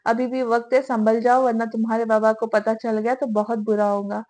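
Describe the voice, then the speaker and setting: Woman reading a mom telling off her son, protective, kinda high. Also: level tone, normal speed, darkish tone, close to an everyday voice. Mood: admonishing. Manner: scolding, protective. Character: caring middle-aged mother, scolding her son.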